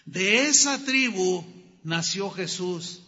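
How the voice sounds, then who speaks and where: A man's voice: high voice, expressive, slow, bright, forceful tone, breathy edge. A man preaching a sermon who retells Bible stories and emphatically repeats his key words. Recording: reverberant hall, dull lo-fi sound.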